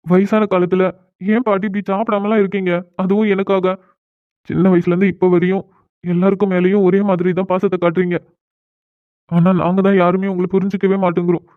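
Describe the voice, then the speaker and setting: A man voicing a proud, quick-tempered young man in a cartoon drama, arguing bluntly. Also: high voice, level tone, no room sound, lightly acted. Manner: argues fast and bluntly. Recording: tinny phone-like sound.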